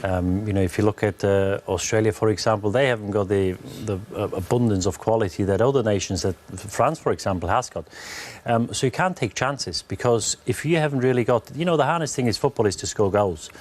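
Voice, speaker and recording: A man's voice: fairly low pitch, a little mellow. Man talking football analysis, many fillers. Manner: measured, thinking aloud with many fillers and restarts. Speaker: football pundit. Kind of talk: post-match analysis.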